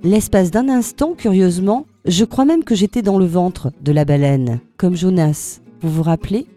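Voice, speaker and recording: A woman's voice: lowish voice, moderate pace, mellow, soft background music. A woman hosting a radio chronicle from a studio, speaking in a polished way with some hesitant fillers. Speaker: radio host.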